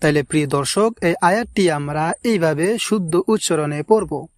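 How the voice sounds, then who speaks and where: A man teaching correct recitation, drawing out words slowly and repeating them to correct pronunciation. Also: on the high side, no room sound, studio quality. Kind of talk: recitation lesson.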